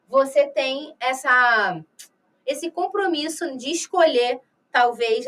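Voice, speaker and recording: High-voiced Brazilian woman teaching literature. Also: fairly bright tone, distant mic. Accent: Rio de Janeiro Portuguese. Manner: explanatory, asks rhetorical questions, frequent "né?" and "tá?"; slow, drawn-out reading of verses. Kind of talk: recorded exam-prep lecture.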